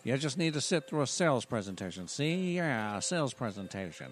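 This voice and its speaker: A man's voice: mid-range voice, very animated, a little fast, close to an everyday voice. A man doing a gangster cat hustler, see?. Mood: pushy. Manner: ends every line with a gangster "see?". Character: smooth-talking male gangster cat, pushy tout.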